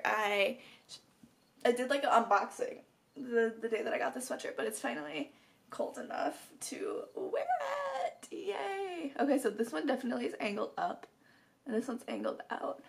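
A young woman from Minnesota vlogging at home, chatting casually and giggling, with a froggy morning voice. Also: fairly high pitch. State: morning voice, just woke. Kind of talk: casual chat to camera. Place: at home, indoors. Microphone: camera on a stand.

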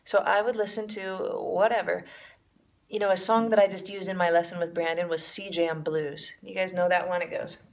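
A woman's voice: fairly low pitch, fairly even intonation, normal speed. A woman teaching a casual jazz lesson to camera, enthusiastic and chanting rhythmic syllables to demonstrate the beat.

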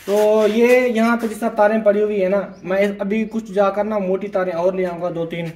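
A man's voice: high-pitched, steady tone, a little mellow, a little hiss or hum. A man vlogging casually, chatty as he explains building work around his house step by step. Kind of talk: casual home vlog chat.

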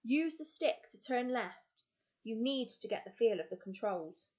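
A gruff male explorer, as a woman reading puts him on, talks in short, commanding bursts. His lines come out raised and forceful, as if shouted over a plane engine. It is a storybook reading with a plain, lightly acted touch. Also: medium pitch, animated, normal speed, close to an everyday voice. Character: gruff, brusque adult male explorer teaching flying.

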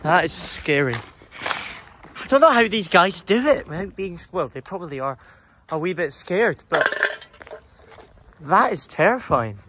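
A young urban explorer vlogger with a high-pitched, sing-song voice talks into a handheld phone at a measured pace, pausing often, as he explores outdoors and inside a derelict building. Jumpy and easily spooked, he mutters nervous commentary to himself against a noisy background.

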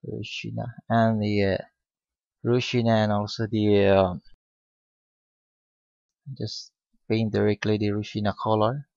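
A man giving a step-by-step painting lesson, speaking unhurriedly with many pauses and fillers. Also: on the low side, level tone, vocal fry, a little mellow, no echo. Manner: unhurried, hesitant with frequent fillers. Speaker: painting instructor. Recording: dull lo-fi recording.

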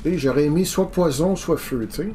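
A man with a Quebec French accent streams a game, offering casual, rambling, informal commentary. His voice is a little high, mellow, and fairly quick, with video game music playing behind it.

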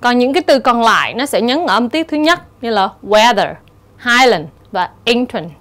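A woman teacher with a Vietnamese accent, explaining exam answers step by step and reading English example words slowly. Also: a little high, a bit bright. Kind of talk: exam-prep lecture.

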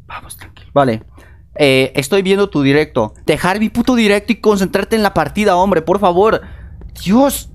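A man's voice: sits high, a little fast. Jumpy young-sounding male gaming streamer. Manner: jumpy, screams and swears when scared; talks to his viewers and teammates. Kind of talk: live let's-play commentary.

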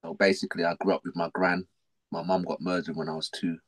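Deep, husky South London man. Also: quick pace. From South London, England. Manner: slangy, animated, repeats himself. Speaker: podcast guest. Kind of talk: casual interview storytelling.

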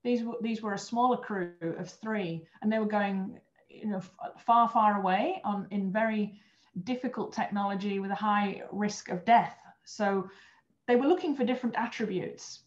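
On a video call interview, a European woman in her thirties who used to train astronauts explains her work with earnest care, now and then beginning a phrase again. She has a mid-range voice and speaks at normal speed. Captured through a webcam, the sound is muffled, lo-fi, and echoey, as if in a roomy space.

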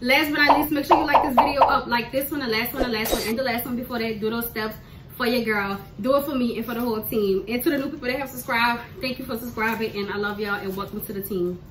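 A bubbly young woman with a New Orleans accent hosts a casual mukbang chat, her voice pitched a little high. She sounds set back from the mic in an echoey room with steady noise behind her. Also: fast, recorded from a distance. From New Orleans, USA. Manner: bubbly, laughs often, loose slangy talk. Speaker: host.

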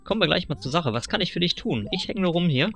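A man's voice: high-pitched, expressive, fast, gravelly, a bit bright, faint music behind, voice pushed up, heavily acted. A man voicing a friendly animal villager making cheerful small talk. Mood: chatty.

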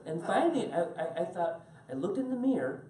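A male pastor preaching a sermon to his congregation, animated and laughing as he tells stories and calls on people by name. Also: high-pitched, brisk, a little hiss or hum. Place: church sanctuary. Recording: echoey room from far off.

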